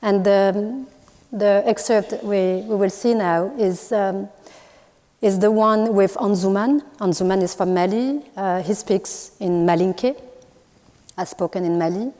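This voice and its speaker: Speaking at a university event, a woman from Morocco, a native Moroccan Arabic speaker, talks thoughtfully as an artist but hesitates often, using fillers and restarting. Her medium-pitched voice is steady and warm, echoing with long reverb in the lecture hall.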